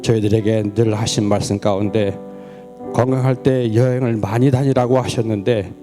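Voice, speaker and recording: A man reads a formal written tribute in a solemn, measured way, as a member of a congregation. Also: fairly low pitch, fairly even intonation, over music. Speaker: congregant reading a eulogy.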